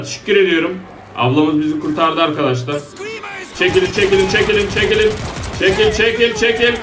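A man giving excitable, joking let's play commentary, shouting at his teammates. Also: fairly high pitch, reverberant, distant mic, a little hiss or hum. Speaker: gaming YouTuber.

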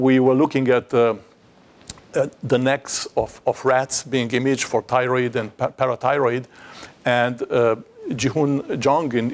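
A middle-aged man gives an academic seminar talk, standing before slides in a lecture hall. His voice sits in a plain middle range, and he works through his points haltingly, full of restarts and fillers, with a dry wit. He is picked up on a lapel mic. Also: medium pitch. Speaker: invited seminar speaker.

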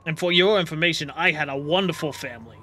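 Man putting on a sassy talking magic bowl, bright and forceful, a bit high, cocky, touchy, tabletop game. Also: quick pace.

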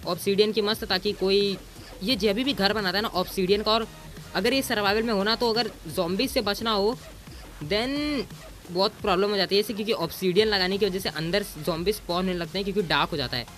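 A man's voice: high voice, fairly quick, fairly bright tone, soft background music. A man giving casual gameplay commentary as a gaming YouTuber, bossy and teasing, throwing in English exclamations.

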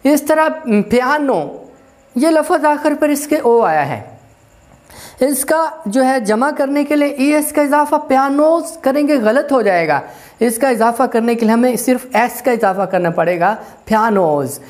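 A woman teaching an English grammar lesson, explaining slowly, repeating herself and spelling words out letter by letter. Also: sits high, animated, a little mellow. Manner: slow, repetitive, spells out letters one by one.

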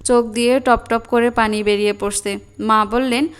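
A woman's voice: on the high side, fairly even intonation, moderate pace, smooth. A woman narrating a first-person story in an earnest, plaintive way.

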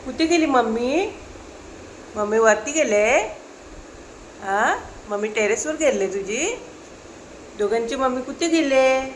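A woman's voice: high-pitched, animated, takes it slowly, long pauses. Woman cooing at her cats. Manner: sing-song, repetitive coaxing. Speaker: cat owner talking to her cats. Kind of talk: baby talk to pets. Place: home with cats. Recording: noisy home recording, cats meowing.

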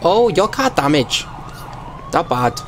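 A man's voice: on the high side, sing-song, takes it slowly, slight background noise. A man streaming a roleplay game, chatting casually and laughing often. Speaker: streamer playing a roleplay server. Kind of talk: casual gaming chat.

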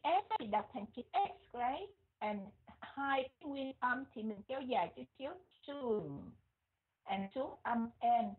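A woman teacher with a Vietnamese accent models English words one at a time, speaking slowly and carefully. Her voice is a little husky and higher than most. The recording is muffled and narrow, like a phone line.

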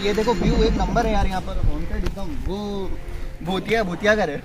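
A young man hosting a casual exploring vlog at outdoor ruins, excitedly calling to his friend while recording on a handheld phone. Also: high-pitched, fairly quick, loud music behind the voice. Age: young adult. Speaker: vlogger host. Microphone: phone camera, handheld. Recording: loud outdoor noise on phone.

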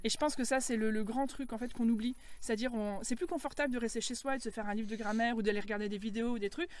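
A woman from France chatting as an interview guest, lively and full of fillers. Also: on the high side, very fast. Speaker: guest, language learner. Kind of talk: casual interview chat.

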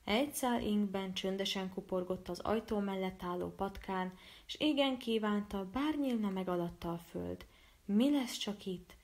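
A woman narrating a storybook in an even, measured reading voice. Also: medium pitch. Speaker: storyteller and illustrator.

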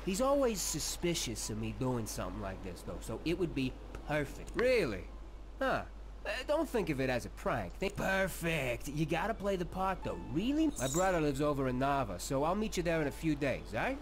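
An actor voicing a chatty young islander in a video game, a mischievous prankster who rambles and stammers gleefully. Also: male voice, a little high, big pitch swings, moderate pace, slight background noise. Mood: playful. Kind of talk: game voice acting.

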